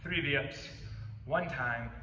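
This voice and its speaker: A man coaching a workout warm-up, demonstrating each move, upbeat and out of breath, recorded in a gym. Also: very slow, reverberant, big-room sound, distant mic, a little hiss or hum. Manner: upbeat, cues moves with "boom". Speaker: fitness coach. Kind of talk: workout instruction demo.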